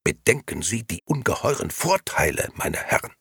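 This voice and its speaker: A man reading aloud, voicing a cold, scheming gentleman who persuades slowly and smoothly. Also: lowish voice, very animated, dry recording, studio quality, pitched above the performer's own voice, full character voice. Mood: persuasive. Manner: slow, smooth, icy persuasion. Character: cold scheming grey gentleman, adult male.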